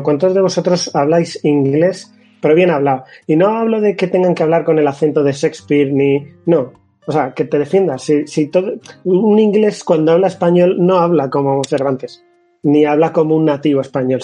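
A man with a Spain Spanish accent, a teacher chatting on a podcast, telling animated stories, swearing casually and acting out quotes. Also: on the high side. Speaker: podcast panelist and game-development teacher.

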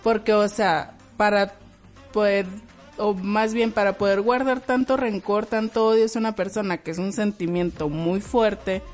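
A woman's voice: medium pitch, steady tone, normal speed, a little mellow. A woman in a casual discussion who speaks hesitantly, searching for her words. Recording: faint music behind.

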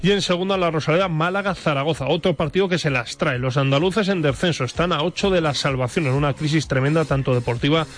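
A man's voice: on the high side, quick pace, hardly any pauses. A man with a Spain accent delivering a scripted sports report on radio.

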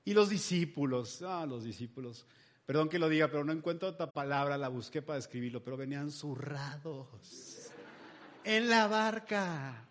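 High-voiced preacher, chatty and humorous. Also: male voice, animated, normal speed, a bit bright. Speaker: pastor. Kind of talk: sermon.

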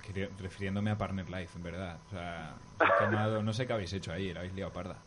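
A man co-hosting a radio show, joking and excitable in casual chat. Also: sits low, fast talker, very noisy. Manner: jokey, excitable. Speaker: radio co-host.

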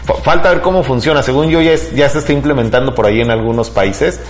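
A fast-talking middle-aged man with a mid-range voice and a Mexican accent hosts a casual tech news podcast with background music. His speech is conversational and colloquial, and he often adds little tag questions to seek agreement.

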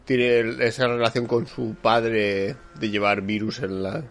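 A man from chatting casually about a film, animated and acting out scenes with laughs. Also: lowish voice, a little slow. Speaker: podcast co-host.

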